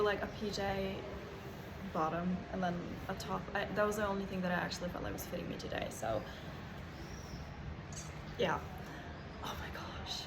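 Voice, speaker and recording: A bubbly young woman in her twenties from Norway chats casually to camera in a vlog, filling her talk with likes and little asides. Her voice sits at an ordinary pitch for a woman. A clear hiss of noise runs under the recording. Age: 20s. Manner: chatty, many fillers, bubbly. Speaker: vlogger. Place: holiday lodging. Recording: noisy background.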